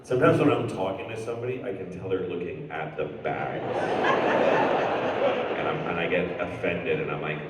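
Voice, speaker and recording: Deadpan profane man in his fifties, echoey hall. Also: low-pitched, normal speed, heavy background noise. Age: 50s. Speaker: stand-up comedian. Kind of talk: stand-up set. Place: large theater stage. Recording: far-off echoey hall recording. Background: audience ambience.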